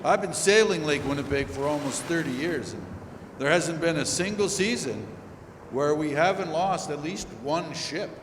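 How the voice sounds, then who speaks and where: In an old-time radio drama, a man with a fairly high voice plays a seasoned, practical lake steamer captain at normal speed, acting lightly. He sounds practical and cautionary, recorded in an echoey hall with background noise.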